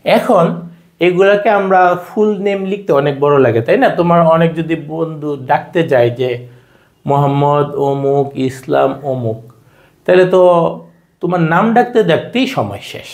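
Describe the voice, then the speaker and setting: A man's voice: on the high side, animated, unhurried, a little mellow. A man teaching a school math lesson with a Bangladeshi Bengali accent, asking questions and answering them himself and spelling terms letter by letter. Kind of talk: classroom lecture.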